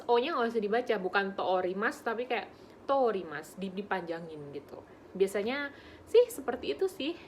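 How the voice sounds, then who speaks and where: A young woman talks through a relaxed conversation lesson, chatty and easygoing. Now and then she slows down to sound out words carefully, with a light laugh here and there. Her voice sits at an ordinary middle pitch, and a faint hiss of background noise runs under it. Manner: chatty, laughs often, demonstrates pronunciation slowly. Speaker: Japanese conversation teacher. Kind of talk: casual explanatory lesson.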